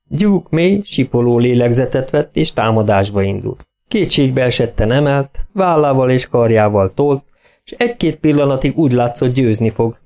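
Male audiobook narrator, steady and measured, mid-pitched. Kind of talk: scripted narration.

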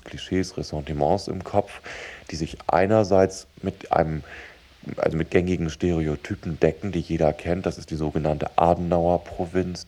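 A man's voice: sits low, mellow. A man giving a thoughtful, reflective radio interview, searching for words as he talks.

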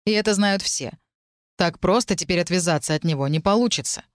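A woman voicing a brooding young male necromancer student in an audiobook, with a hoarse, low-pitched voice. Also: brisk, no room sound, studio quality, lightly acted. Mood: tense. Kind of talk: audiobook character reading.

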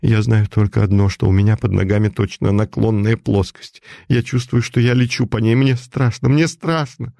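A man voicing a young noblewoman with a hoarse, husky voice, speaking in desperate, pleading tones in a storybook reading. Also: lowish voice, steady tone, moderate pace, few pauses, warm tone, dry recording, clean studio sound.

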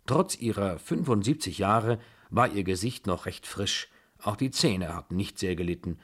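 A man reads a first-person story aloud as an audiobook, in a steady, measured delivery. His voice sits low, with a husky, slightly breathy texture. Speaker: audiobook reader. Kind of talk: scripted first-person narration.

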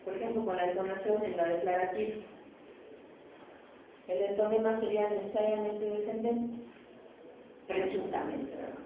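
A woman with a Mexican Spanish accent giving a university phonetics lecture, explaining slowly and asking rhetorical questions. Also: mid-range voice, little pitch movement. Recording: echoey classroom from far off, phone-like sound, noise.

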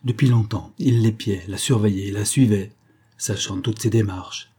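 A man narrating a classic novel as an audiobook in a measured, expressive reading. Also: fairly low pitch, husky.

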